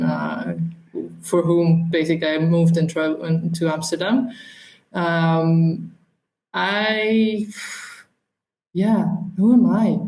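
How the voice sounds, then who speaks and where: A young woman from the south of Russia, a non-native speaker, talking thoughtfully as a podcast guest, with many pauses and fillers. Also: low-pitched, dark tone, echoey room, rough recording. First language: a minority language of Russia. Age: young adult. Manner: thoughtful, hesitant, with frequent ums and laughs. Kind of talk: reflective interview talk.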